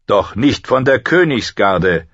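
A man's voice: mid-range voice, animated, slow, gravelly, a bit bright, slightly rough, no room sound, dull audio, voice pushed up, full character voice. A man reading aloud voices a proud old male knight of a royal guard, speaking in a solemn, defiant way.

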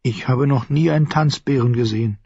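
Male reader playing a naive young lover, high husky voice, dull dry audiobook sound. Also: brisk, mellow, no echo. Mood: eager. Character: young woman, eager, childish, pleading lover. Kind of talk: audiobook character voice.

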